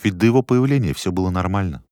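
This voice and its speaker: A man's voice: expressive, quick pace, darkish tone, no room sound, clean studio sound. A man voicing an exhausted, brooding male tavern keeper who mutters wearily to himself. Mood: weary. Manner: weary, low muttering monologue.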